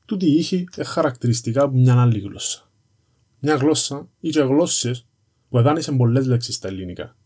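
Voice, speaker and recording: This language-history series presenter, a man with a Cypriot Greek accent, narrates in a conversational storytelling way, explaining directly and informally. His medium-pitched voice has lively intonation and a darkish, slightly rough tone.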